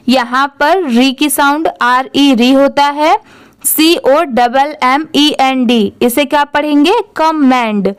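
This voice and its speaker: A high-pitched woman teacher walks through words one letter at a time, then sounds them out. She asks her own questions and answers them. Example sentences come very slowly and deliberately. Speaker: English reading teacher. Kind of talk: Hindi-language phonics lesson.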